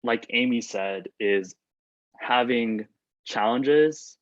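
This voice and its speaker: A young adult man whose first language is Chinese, a student panelist reading out questions, answers them in a chatty, casual way, full of "like" fillers and restarts. His mid-range voice draws words out, and the recording is dry, dull and lo-fi.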